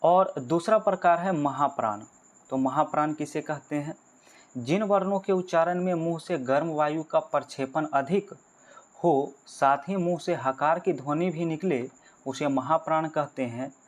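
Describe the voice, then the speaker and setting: A man with a fairly high voice teaches a grammar lesson for exam candidates. He goes through each point step by step, puts questions to his listeners and then answers them himself. He calls the viewers friends. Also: measured pace. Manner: explains step by step, repeats key points, asks and answers his own questions.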